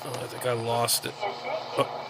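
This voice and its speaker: Showing his radio equipment on a vlog, this middle-aged hobbyist talks at a moderate pace in a medium-pitched voice. He rambles casually, mutters, repeats things and lets sentences trail away, all over constant background noise.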